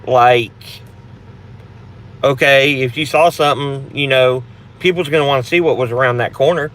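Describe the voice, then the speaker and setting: A man's voice: medium pitch, normal speed, a bit bright. A man hosting a casual live Q&A for a paranormal channel, talking in a rambling, blunt way with frequent restarts and some swearing.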